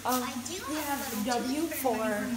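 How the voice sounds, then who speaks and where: A woman's voice: on the high side, drawn-out words. Playful young woman giving a joking house tour. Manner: playful, giggly, mock-boastful. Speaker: vlogger. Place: large house and backyard. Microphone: handheld phone camera. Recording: roomy phone audio with background noise.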